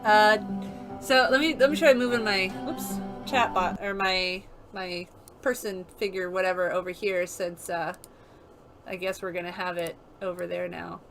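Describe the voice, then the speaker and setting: A woman giving casual, rambling let's-play commentary as she plays a game, chatty and quick to laugh. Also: medium pitch, fairly even intonation, fairly bright tone, low-quality recording. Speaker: gaming streamer. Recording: game music playing behind.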